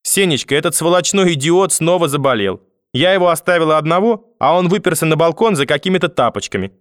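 A man voicing a furious, sharp-tongued old grandmother in an audiobook, shouting insults in a high, loud voice. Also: expressive, fast talker, no echo, clean studio sound. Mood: ranting. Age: older. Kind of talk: audiobook character voice.

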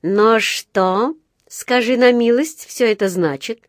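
A woman's voice: on the high side, takes it slowly, no room sound, clean studio sound. A woman playing a flustered, fussy elderly male factory owner who speaks anxiously in a storybook. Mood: relieved.

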